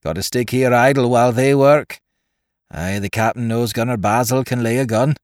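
A man voicing a gruff, jovial pirate gunner who talks in a boisterous, swaggering way. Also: mid-range voice, normal speed, no echo, clean studio sound, natural voice.

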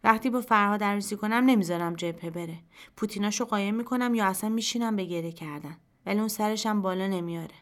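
Woman narrator telling a story in first person, quiet and even, middle pitch. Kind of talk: scripted narration of a short story.

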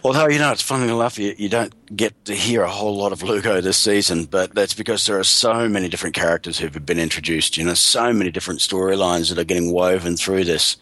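A man's voice: deep voice, quick pace, hardly any pauses, a bit bright, dry recording. A man being interviewed as an actor guest, telling emphatic stories in a casual chat.

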